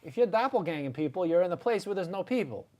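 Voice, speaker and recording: A man's voice: high-pitched, sing-song, quick pace, dark tone. A man playing a tabletop game, bluntly questioning another character. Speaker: player. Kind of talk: casual game chat.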